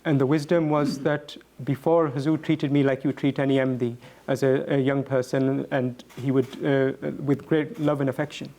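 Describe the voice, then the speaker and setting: A man speaking reflectively as a guest answering questions, earnest and halting, often repeating words as he goes. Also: mid-range voice, flat delivery, mellow.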